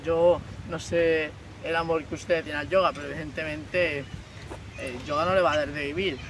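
Teen boy, prank caller, faux-official manner, far-off outdoor recording with steady noise. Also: fairly high pitch, normal speed. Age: teens. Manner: formal official tone, hesitant fillers. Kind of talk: prank phone call. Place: outdoor park bench. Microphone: phone on speaker, far camera.

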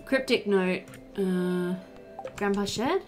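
Slow-paced and medium in pitch, this woman in her thirties hosts a gaming video, offering relaxed let's play commentary indoors at home. Game music plays behind her as she muses aloud and addresses the characters on screen.

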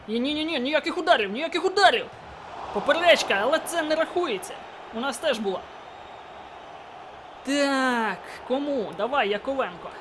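A man commentating his own football video game match, getting excited and shouting at goals and chances. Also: very high-pitched, background noise. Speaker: gaming YouTuber.

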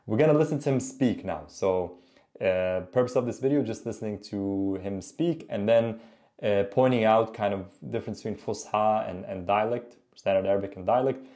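Low, mellow man explaining things casually. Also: moderate pace. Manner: conversational, explanatory. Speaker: host, Arabic teacher. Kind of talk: casual reaction commentary with language tips. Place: small indoor room.

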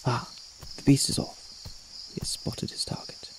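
A man narrating in the earnest, measured manner of a hushed nature documentary. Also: noisy background.

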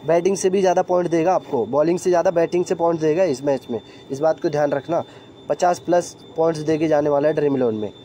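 A man with a slightly raised, mellow voice talks through a screen recording in a friendly, chatty way. He keeps checking in with the listener as he goes. A faint hiss sits under the voice-over. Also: a little high. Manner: chatty, repeats "theek hai", calls viewers "bhai". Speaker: fantasy cricket tipster. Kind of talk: casual screen-recorded tips.

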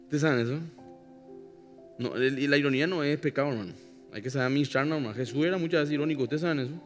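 A man's voice: mid-range voice, fast. A male pastor preaching a sermon emphatically, with wry irony and asides to the congregation. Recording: live church hall with long reverb, faint music.

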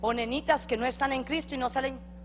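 Woman, Honduran accent, pastor, sermon, high voice, reverberant church hall. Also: fast. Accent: Honduran Spanish. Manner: animated preaching, acts out quoted voices, rises to loud emphatic peaks. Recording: long hall reverb, faint hum.

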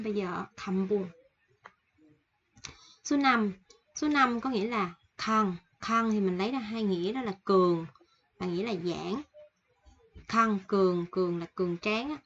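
A woman with a cold teaching Korean vocabulary in a casual online lesson, slowly repeating and explaining each word from a list. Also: mid-range voice, dull audio, slight background noise. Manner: slow repetitive explaining, reading word lists. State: has a cold.

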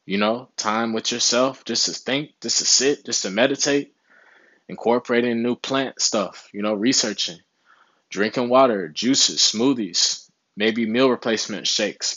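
In dull audio without echo, a young man's fairly bright, lowish voice offers laid-back health motivation to camera. He's a vlogger in a small indoor room with a window behind him, and he says "you know what I'm saying" a lot.

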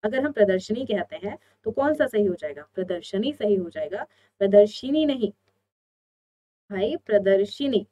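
A woman's voice: medium pitch, animated, normal speed, mellow, dull audio. A woman teaching an online exam-prep Hindi lesson, explaining step by step and answering her own questions.

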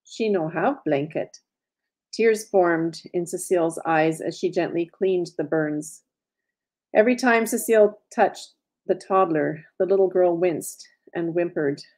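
Female author, measured storybook reading, mellow low voice. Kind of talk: reading her own story aloud.

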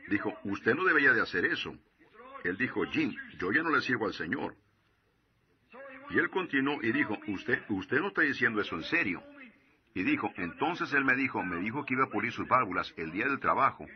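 A man preaching a sermon, telling a story and slowing down to stress his warnings. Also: medium pitch, very animated, highs cut off. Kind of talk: sermon in Spanish voice-over.

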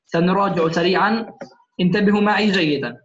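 Man, classroom teacher, higher pitch, patient explainer, roomy lo-fi sound. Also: brisk, a little hiss or hum. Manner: patient, keeps checking "alright?" with students. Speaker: Quran recitation teacher. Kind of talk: classroom lecture. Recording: echoey room, muffled lo-fi sound.

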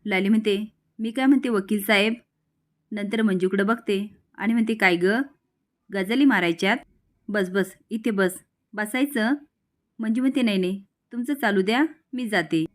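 A woman's voice: medium pitch, normal speed. A woman recounting a TV serial episode, reading each character's lines in her own voice.

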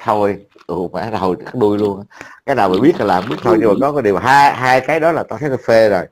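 A man's voice: fairly low pitch, quick pace, a little hiss or hum. Blunt, profane man. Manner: blunt, profane and mocking, with frequent laughs. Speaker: online commentator. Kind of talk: casual talk to a friend.

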